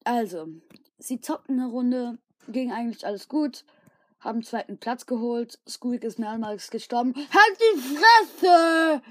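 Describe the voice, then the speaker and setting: A woman's voice: a little high, fairly even intonation, moderate pace, mellow, no room sound. A woman narrating a homemade audio story in a loose, hesitant way with fillers.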